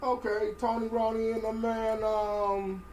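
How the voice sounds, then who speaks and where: A man's voice: high-pitched, little pitch movement, unhurried, darkish tone, slight background noise, low-quality recording. A man hosting a casual talk show, laid-back and agreeable, often chiming in with short affirmations. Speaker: host. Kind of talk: casual chat.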